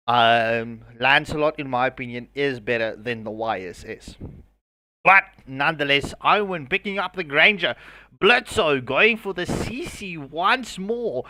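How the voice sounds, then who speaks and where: A man's voice: mid-range voice, bright, forceful tone, no echo. A man with a South African accent casting an esports match live, joking and laughing between play calls. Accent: South African English. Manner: jokey and self-mocking, laughs between calls. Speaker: esports caster.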